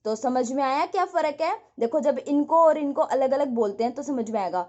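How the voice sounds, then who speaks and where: A woman's voice: sits high, animated, moderate pace, mellow, muffled recording. A woman teacher with an Indian English accent giving an online lesson, drilling words aloud and answering her own questions. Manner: drills words aloud, repeats them, asks and answers herself.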